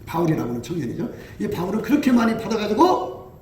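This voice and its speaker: A man preaching a sermon as a pastor, animated, laughing often and acting out little dialogues. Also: sits high, fast talker. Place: church hall. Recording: echoey hall from far off with faint noise.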